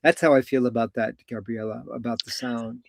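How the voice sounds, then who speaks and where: Older male coach, measured and expressive, dry close sound, mid pitch. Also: creaky, no room sound. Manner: measured, animated storytelling with voiced vocal sounds. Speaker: coach and therapist. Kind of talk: live video conversation.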